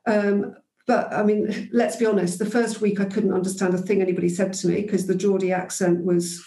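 This woman, a guest in an interview, tells reflective stories about her years teaching, often saying "um" and starting over. She speaks fairly quickly at medium pitch with a flat delivery and warm tone, in a roomy-sounding space.

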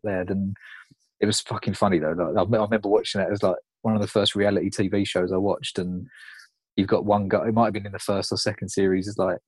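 A man's voice: fairly low pitch, flat delivery, fast, a little mellow, husky, no room sound. A man chatting casually on a podcast, a laid-back, sweary storyteller. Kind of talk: casual chat.

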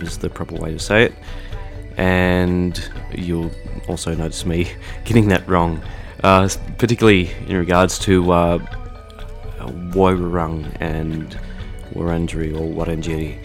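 A man hosting a podcast interview, talking in a relaxed, conversational way with the odd filler, recorded in a studio. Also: deep voice. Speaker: podcast host. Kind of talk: casual spoken intro and interview.

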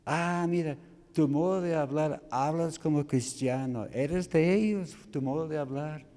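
Guy doing a nosy accuser, pitched way up, pointing the finger. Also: measured pace, warm tone, natural voice. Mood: accusing. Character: a bystander accusing a man in a courtyard.

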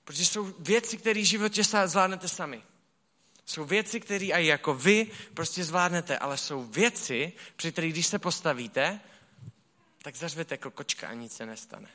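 A man delivers a sermon as a relaxed, colloquial storyteller, keeping his telling animated. His voice sits a little high, with a bright, forceful edge. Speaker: preacher.

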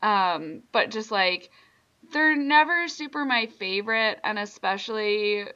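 A woman's voice: medium pitch, animated, a little slow, bright, forceful tone, clean tone. A young woman co-hosting a casual movie podcast, chatty and opinionated, full of fillers. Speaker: podcast co-host. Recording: slightly dull lo-fi audio.

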